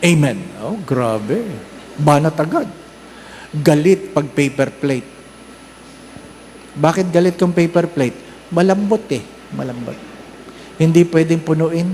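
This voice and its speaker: A man's voice: fairly high pitch, animated, slow pace, long pauses, darkish tone, a little hiss or hum. A man with a Filipino accent, a priest giving a humorous homily at Mass, mixing English and Tagalog and acting out parishioners in shifting voices. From Philippines. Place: church during Mass.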